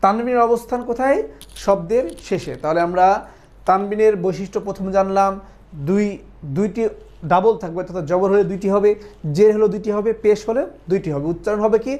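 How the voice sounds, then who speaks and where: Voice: mid-range voice, brisk, darkish tone. A Quran recitation teacher in an online class who explains things patiently, one step at a time. The teacher keeps asking the class a question and then answering it, repeating each point so it sticks. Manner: asks questions and answers them, repeats for drilling. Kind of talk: online lesson.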